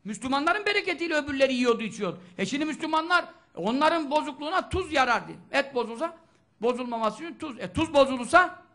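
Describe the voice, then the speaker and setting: A man preaching a religious lesson, impassioned, swinging between loud exhortation and near-whispers, and chanting scripture melodically. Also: very high-pitched, lively intonation, quick pace. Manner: chants Quranic verses in melodic recitation. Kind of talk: sermon lesson.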